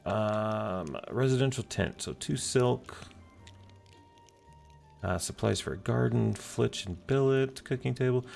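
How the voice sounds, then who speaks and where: A man's voice: medium pitch, expressive, takes it slowly, gravelly, a little mellow, faint music behind. A man casually commenting on his own gameplay, muttering and humming to himself as he plays. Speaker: video game player. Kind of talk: let's play commentary.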